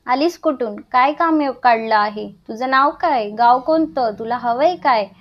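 A nervous young maidservant, as a woman storyteller puts her on, asking anxious, earnest questions in a high voice. The recording sounds dull and lo-fi. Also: measured pace. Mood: wary.

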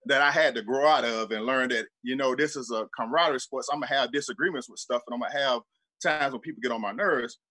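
A man telling animated, profane stories in a Southern accent. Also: mid-range voice, quick pace, slightly rough. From Birmingham, Alabama. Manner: animated, profane, loose storytelling with lots of "like". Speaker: guest, former football player. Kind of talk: casual storytelling in a sports talk show.

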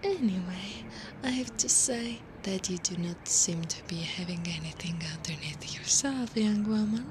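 An Italian woman, a native Italian speaker, plays a slow, breathy, flirty slime monster woman in an intimate ASMR roleplay, her medium-pitched voice often dropping to a half-whisper in a lightly acted, playful, teasing way. The mood is playful and teasing, and clear ambient noise sits in the background.

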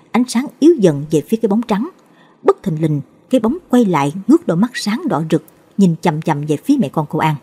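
In a low, slightly husky voice with a dark tone, a woman narrates a ghost story, her pitch moving a lot as she goes. She shifts her pitch to voice each character's lines.

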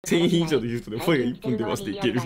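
A man's voice: medium pitch, expressive, fast, a loud crowd. A man live-streaming, rambling and joking in casual chat with his viewers. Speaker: game streamer. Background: background music.

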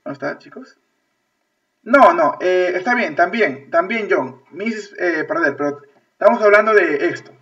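A Peruvian man with a high, bright voice teaches an online class, repeating himself and checking after nearly every phrase that his students are following. His voice sounds distant from the microphone through thin, lo-fi video-call audio. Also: lively intonation, measured pace. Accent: Peruvian Spanish. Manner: repetitive, checks understanding with constant "ok?". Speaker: English teacher.

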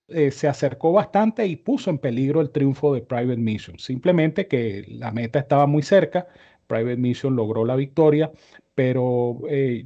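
A man analyzing horse races on a video call, with a measured explanatory delivery. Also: medium pitch, mellow, muffled recording. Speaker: racing analyst. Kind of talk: horse racing analysis show.

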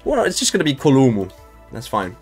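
A man's voice: mid-range voice, wildly swooping pitch, quick pace, slightly rough, soft background music. A man casually chatting with viewers while streaming a game, loose and talkative, swearing and laughing now and then.

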